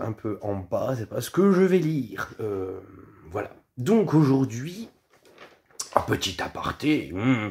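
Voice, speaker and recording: A man's voice: medium pitch, a little mellow, a little hiss or hum. A man talking casually in a vlog, rambling and scattered, full of hesitations and self-mocking asides, partly reading from notes. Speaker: vlogger.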